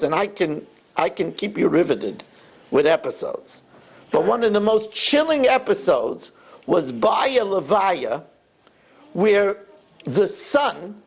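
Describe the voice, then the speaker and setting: Gravelly, animated older male rabbi. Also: sits high. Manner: animated storyteller who acts out voices. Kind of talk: sermon.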